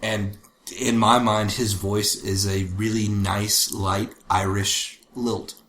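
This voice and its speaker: Low-ish guy chatting on a podcast, keeps walking his points back, echoey room. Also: little pitch movement, takes it slowly, a bit bright. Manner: thoughtful, rambling and self-correcting. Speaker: podcast co-host. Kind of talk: casual chat. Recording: roomy with faint background noise.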